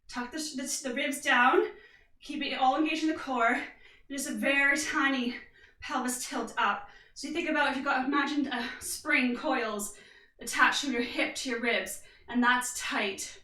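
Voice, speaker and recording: A woman leads a guided workout with a high, bright, forward voice. She calls out steady, upbeat cues, one movement at a time. The sound bounces around an echoey room, and the mic sits well away from her. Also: far from the mic. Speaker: fitness instructor.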